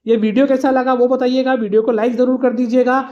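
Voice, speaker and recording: A woman teacher runs through an exam revision lesson, explaining each point patiently with simple everyday examples. Her voice sits fairly high but sounds mellow and soft. The recording is a little dull and lo-fi. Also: little pitch movement, fast talker.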